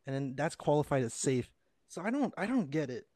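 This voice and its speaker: A man's voice: a little high, sing-song, fairly quick, dark tone, no room sound. A young man hosting a casual podcast, rambling and exasperated, often stumbling and restarting his sentences. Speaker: podcast host.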